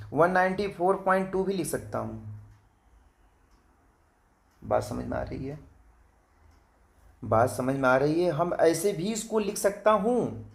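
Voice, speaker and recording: A man's voice: high-pitched, vocal fry. A man teaching children a math lesson, patient, repeating his points, asking if they follow, and reading digits out one by one. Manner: reads digits slowly one by one.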